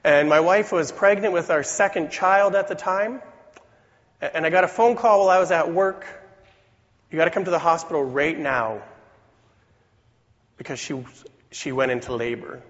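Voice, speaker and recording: A man with a voice weakened by a cold, preaching a sermon in an earnest, deliberate way with rhetorical questions. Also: a little high, fairly bright tone. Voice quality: weak voice from a cold. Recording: dull recording in reverberant hall.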